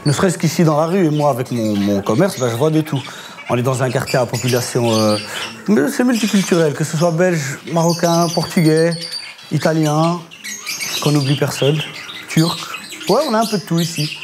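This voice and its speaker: A man's voice: a little high, animated, moderate pace, background noise. A man, a shopkeeper answering street interview questions in a chatty way that thinks aloud. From Belgium. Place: outdoors on a street.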